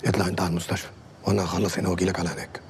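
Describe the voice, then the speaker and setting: A man's voice: low voice, level tone, very fast, a little hiss or hum, close to an everyday voice. An actor playing a worried male friend with an Egyptian accent, urging him to get to hospital in a TV drama. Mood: concerned. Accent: Egyptian Arabic. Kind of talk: TV drama acting.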